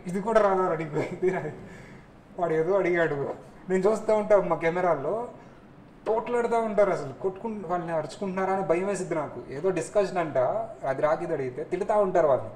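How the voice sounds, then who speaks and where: A male teacher lectures a class, pausing to ask his students questions and acting out short scenes. His voice sits a little high. The room is echoey, with faint noise in the background. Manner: lively, asks students questions, acts out scolding scenes.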